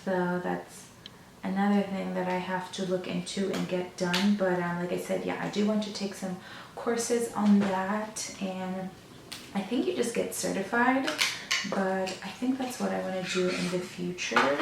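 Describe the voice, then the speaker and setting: A young woman chatting casually in a monotone, low-key way, like a get-ready-with-me beauty vlogger. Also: unhurried, vocal fry, distant mic. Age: young adult. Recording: echoey room, off mic, faint noise.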